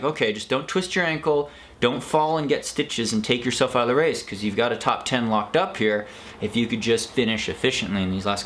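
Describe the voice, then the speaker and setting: A man gives a casual, conversational vlog recap in a mid-pitched voice. He rambles and corrects himself as he goes, like a trail runner chatting to followers. Faint ambient noise sits behind him. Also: fairly bright tone.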